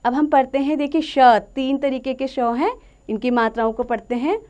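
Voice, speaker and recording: A woman teaching a children's lesson, reciting syllables one by one in a slow, drawn-out way. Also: high voice, a little mellow, lo-fi sound.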